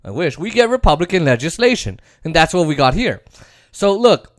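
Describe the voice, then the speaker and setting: A man riffing through casual political commentary, sarcastic and excitable. His voice sits fairly high and swings widely in pitch, and the recording is dry and close, with no room sound. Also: normal speed, no echo. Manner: sarcastic, excitable, jumps into mocking impressions.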